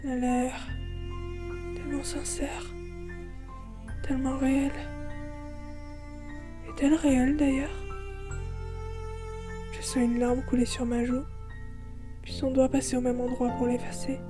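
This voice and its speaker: A woman narrating a first-person audio fiction in a soft, melancholic way. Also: high voice, level tone, a little slow, pauses often, music in the background.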